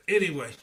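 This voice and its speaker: A man hosting a relaxed livestream speaks in a mid-range voice that comes across pushed and bright. Congestion and a stuffy nose color his speech, which rambles hesitantly with plenty of fillers and restarts.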